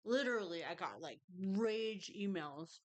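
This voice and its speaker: A woman's voice: mid-range voice, expressive, measured pace. A woman tarot reader chatting casually, rambling between snacks and card readings. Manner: chatty, rambling, tastes food on camera.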